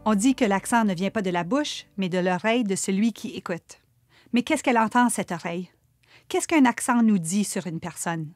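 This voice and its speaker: A woman's voice: mid-range voice, expressive, moderate pace, a little mellow, dry recording, soft background music. Franco-Manitoban woman host narrating. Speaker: host and columnist. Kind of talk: scripted narration.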